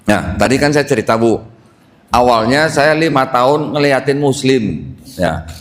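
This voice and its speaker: A man's voice: mid-range voice, expressive, a little slow. A man preaching to a live audience as a convert preacher, quizzing listeners and coaxing answers from them. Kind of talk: lively question-and-answer talk.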